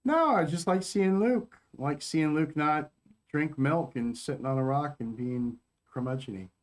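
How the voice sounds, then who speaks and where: A man co-hosting a fan review podcast in casual chat, animated and full of fillers that trail off. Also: a little high, normal speed. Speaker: podcast co-host.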